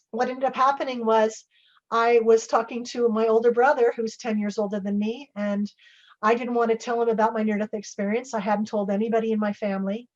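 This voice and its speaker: A middle-aged woman on a panel, telling a personal story in an earnest, conversational way and quoting others as she goes. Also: medium pitch. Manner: earnest, conversational, with restarts and quoted dialogue. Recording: slightly muffled recording.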